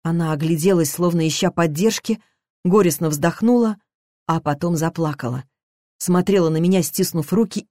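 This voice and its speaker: A woman narrating a first-person story in a measured, reflective way. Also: on the low side, mellow, dry recording, studio quality. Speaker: audiobook narrator.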